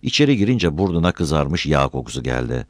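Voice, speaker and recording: Deep-voiced male storyteller. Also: very animated, a little fast, no echo, studio quality. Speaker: audiobook narrator. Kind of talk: scripted narration.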